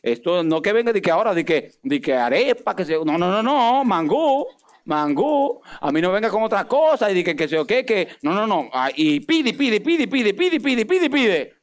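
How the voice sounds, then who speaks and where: A man's voice: high-pitched, moderate pace. A man preaching a sermon as a pastor, animatedly acting out dialogues and joking with the congregation. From Dominican Republic. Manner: animated, acts out dialogues with God and Moses, jokes with congregation.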